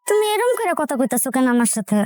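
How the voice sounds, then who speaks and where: A chatty young village wife. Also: female voice, sits high, fast talker, dry recording, faint music behind. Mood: coaxing. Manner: chatty, lively and scheming.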